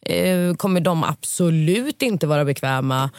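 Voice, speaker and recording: A woman's voice: low-pitched, expressive, a little mellow, no echo, clean studio sound. A woman co-hosting a casual chat, blunt and outspoken, swearing as she argues her point. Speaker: podcast co-host.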